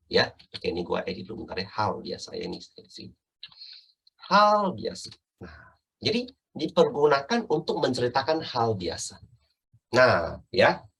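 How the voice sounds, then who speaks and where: Animated husky man coaching salespeople. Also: mid-range voice. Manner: animated, keeps checking in with listeners. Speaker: sales trainer. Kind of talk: online sales training talk.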